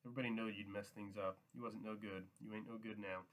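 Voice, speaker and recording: A man's voice: lowish voice, steady tone, fast, fairly bright tone, slight background noise, lightly acted, poor audio. A man reading a worried old ranch hand. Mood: pleading. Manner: pleading, repetitive questions.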